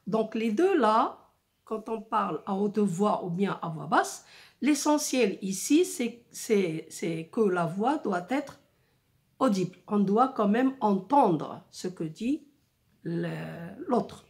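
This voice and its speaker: Slow, deliberate woman teaching a lesson. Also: mid-range voice, animated, a little mellow. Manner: slow, deliberate, repeats and rephrases with many fillers. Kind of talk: slow explanatory French lesson.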